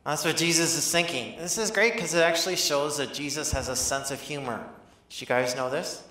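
A man preaching a sermon in a church, conversational and animated, often asking his listeners questions. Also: on the high side, a little fast, roomy sound, a little hiss or hum. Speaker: pastor.

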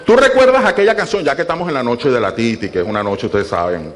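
A man's voice: medium pitch, expressive, fast talker. A man doing playful stand-up crowd work, ordering a volunteer around. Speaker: stand-up comedian. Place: comedy club stage. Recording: loud live audience in a club.

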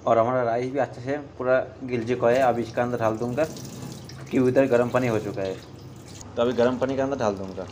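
A man's voice: mid-range voice, fairly even intonation, fairly quick, noisy background. A man casually narrating his cooking step by step in a home kitchen, talking to his viewers as friends. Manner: chatty, step-by-step, keeps saying "friends". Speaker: cooking vlogger.

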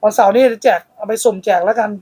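A man's voice: high voice, fairly even intonation, racing, dark tone, slightly rough. A man who owns a card shop and hosts a channel, chatting casually in a blunt, crude and teasing way inside his card shop. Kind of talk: casual chat.

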